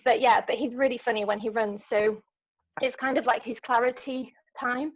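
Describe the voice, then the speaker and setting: A woman's voice: fairly high pitch, steady tone, moderate pace, lo-fi sound. A woman from London, a podcast guest talking casually and hesitantly, with lots of ums and restarts. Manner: hesitant, many ums and restarts, laughs easily. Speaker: podcast guest, ultra runner. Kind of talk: casual interview chat.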